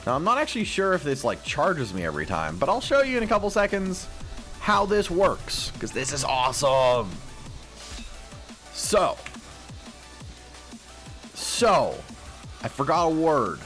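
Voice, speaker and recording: Excitable man with a cracking morning voice. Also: a little high, unhurried, long pauses. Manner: rambling, self-deprecating, excitable. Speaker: gaming YouTuber. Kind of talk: casual gameplay commentary. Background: faint music stream.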